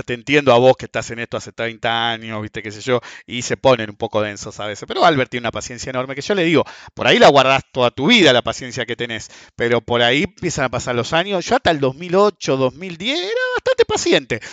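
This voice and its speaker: A man's voice: medium pitch, fairly bright tone, dry recording. Blunt, profane Argentine man in his forties. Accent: Argentine Rioplatense Spanish. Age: 40s. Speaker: finance commentator. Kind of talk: casual rant to followers. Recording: dull, dry, lo-fi sound.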